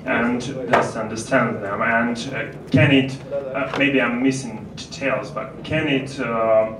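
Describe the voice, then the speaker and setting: A man's voice: medium pitch, fairly even intonation, takes it slowly, a crowd in the background. Hesitant man asking from an echoey audience floor. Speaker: audience member asking questions. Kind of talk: spontaneous question from the floor. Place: audience at an event venue. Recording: echoey, noisy hall from far off.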